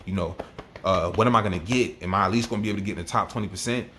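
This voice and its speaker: Man, slightly low-pitched; emotional personal storytelling, repeats himself. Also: racing, sharp tone, slight background noise. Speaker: army NCO vlogger.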